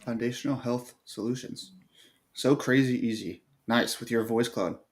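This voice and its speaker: A man co-hosting a casual livestream chat, walking through a product in a relaxed way with many fillers. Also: mid-range voice, normal speed, crowd noise. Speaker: co-host.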